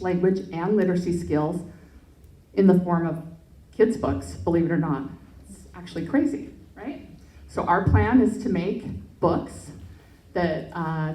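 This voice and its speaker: An earnest woman pitches her project in a low, mellow voice, stumbling over fillers and restarts. She is picked up from a distance in an echoey hall. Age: adult parent. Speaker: project presenter. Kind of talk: pitch presentation and Q&A. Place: event hall. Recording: echoey room, mic from far off.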